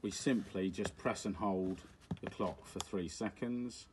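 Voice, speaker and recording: A man with a low voice, talking a little slowly, walks through a demo unit's controls step by step at an indoor table. He presses each button while explaining in a plain, matter-of-fact way, and background noise is noticeable.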